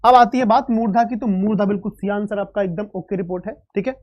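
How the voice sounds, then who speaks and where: A woman's voice: mid-range voice, fast, dull audio. A woman teaching a live online Hindi exam-prep class, drilling sounds aloud and calling students "beta".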